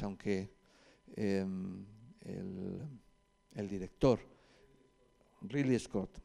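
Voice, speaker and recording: A man with a Spanish accent lectures a group informally, teaching in a conversational way with hesitant pauses and asides. His mid-range voice sounds gravelly and mellow.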